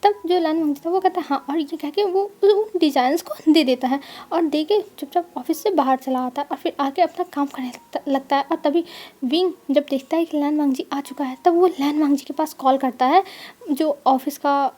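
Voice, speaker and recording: A woman's voice: high-pitched, moderate pace, mellow. A woman casually retelling a fan story in a chatty way, linking every line with "then he says". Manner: chatty, keeps repeating "then he says" links.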